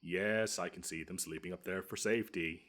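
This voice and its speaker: A man performs a grumpy, pompous monster lurking under a child's bed in a scripted audio roleplay monologue, his voice husky, low and a bit bright with fairly even intonation. The mood is dry and scheming, and the wordy, drawn-out menace comes laced with dry sarcasm.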